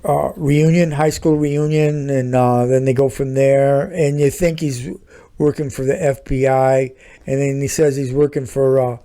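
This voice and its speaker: An older man co-hosting a casual movie-review chat, halting and full of fillers and restarts. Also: fairly even intonation, dark tone. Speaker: podcast co-host. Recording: older lower-quality podcast audio.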